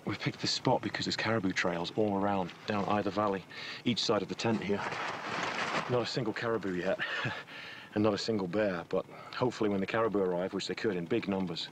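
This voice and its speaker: A man's voice: sits low, steady tone, brisk, a little hiss or hum. A man talks informally on location outdoors, presenting a nature documentary. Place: outdoors at a wilderness campsite.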